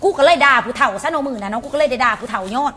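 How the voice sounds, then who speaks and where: A woman's voice: high voice, very fast, bright, forceful tone. A young woman with a Lao accent tells a story to camera as a channel host. She talks bluntly and coarsely and rattles off repeated words.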